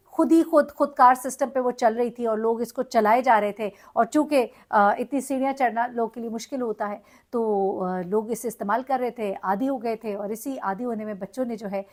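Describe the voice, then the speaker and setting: A woman, reporting and commenting on a tragic local incident in an earnest, grieving way with many hesitations. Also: fairly high pitch. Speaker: news vlogger. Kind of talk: emotional news commentary.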